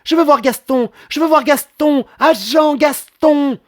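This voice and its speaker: A man's voice: very high-pitched, measured pace, no echo, studio quality, pitched above the performer's own voice. A man voicing a panicked, unhinged old colonel who shrieks for help in an audiobook reading. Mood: demanding.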